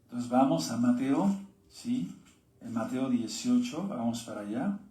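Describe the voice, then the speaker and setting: A man's voice: medium pitch, expressive, unhurried, dark tone, roomy sound. A man, teaching a sermon-style Bible lesson and reading scripture aloud with asides to his viewers.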